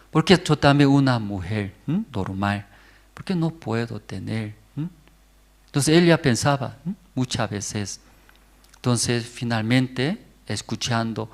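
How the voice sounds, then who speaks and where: A male pastor leads a church prayer service at an unhurried pace. He speaks in short, simple bursts and keeps checking in with his listeners after nearly every phrase. His questions to the congregation rise loud and animated, set against a mid-pitched voice. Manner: constantly checks in with the congregation with a rising 'mm?' and 'verdad, no?'.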